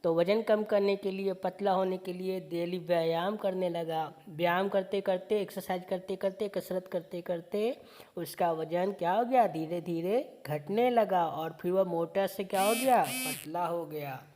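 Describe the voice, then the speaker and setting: A woman's voice: on the low side, mellow. A woman teacher explaining a children's poem to young pupils. She keeps asking questions and answering them herself, and mixes in short English phrases. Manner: reads verses slowly and sing-song, then explains with repeated questions. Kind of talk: online class lesson explaining a poem.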